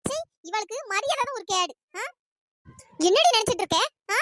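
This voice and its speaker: A performer voicing a domineering older mother-in-law who shouts and berates her daughter-in-law in a cartoon. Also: extremely high pitch, lively intonation, normal speed, no echo, studio quality, exaggerated voice. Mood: scolding. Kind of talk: cartoon voice acting.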